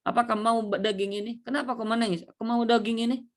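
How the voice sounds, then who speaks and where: A man's voice: very high-pitched, fairly even intonation, fast talker, pitched above the performer's own voice. A male preacher voicing a man at a goat roast who keeps asking the same question. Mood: insistent. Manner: insistent, repeats the same question.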